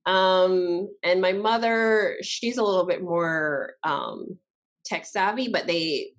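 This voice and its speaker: Low-voiced Barbados-born woman, chatty. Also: takes it slowly. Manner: chatty, laughs often, acts out quotes. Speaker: podcast guest, social media strategist. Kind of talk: casual interview chat.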